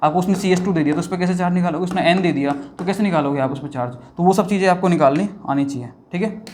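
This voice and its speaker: Male chemistry teacher, chatty lecture, fairly high pitch, asks and answers own questions, light room noise. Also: rapid-fire, darkish tone. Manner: conversational, asks and answers his own questions, says 'bhaiya' and 'theek hai' often. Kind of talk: whiteboard lecture.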